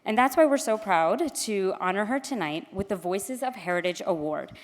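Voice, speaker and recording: A woman's voice: medium pitch, animated, moderate pace. A woman from Queens gives an informal, candid, self-deprecating podium speech as she introduces an honoree. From Queens, New York. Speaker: gala speaker introducing an honoree. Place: large indoor event hall, public address. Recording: echoey hall with long reverb.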